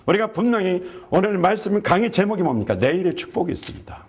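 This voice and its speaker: A man's voice: sits high, expressive, quick pace. A middle-aged man preaching a sermon as a pastor, asking the congregation rhetorical questions and answering them himself.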